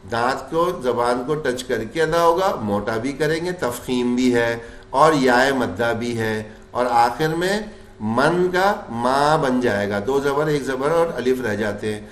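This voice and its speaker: A man teaches a tajweed lesson in a mid-pitched voice. He moves between plain explanation and slowly drawn-out chanted examples, posing questions and then answering them himself. The recording carries a roomy echo. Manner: explains rules, then stretches words slowly in chanted recitation. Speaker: Quran recitation teacher.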